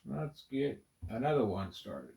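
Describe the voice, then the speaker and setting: A man's voice: mid-range voice, sing-song, measured pace, creaky, mellow. A man building a model on video, counting pieces under his breath and playfully scolding them as rascals. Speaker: video creator. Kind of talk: building vlog, talking to himself.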